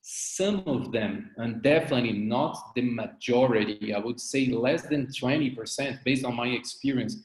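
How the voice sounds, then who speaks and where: A man from Brazil, a dentist giving an online lecture, halting and repeating words as he goes. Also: medium pitch, reverberant. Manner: halting, repeats words, loose non-native grammar. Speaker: dentist presenting cases.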